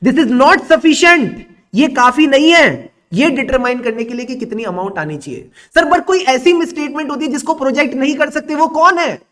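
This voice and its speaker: A man's voice: very high voice, animated, brisk, few pauses, a bit bright. A man with an Indian accent, teaching a revision lecture in a playful, teasing way and acting out concepts as characters.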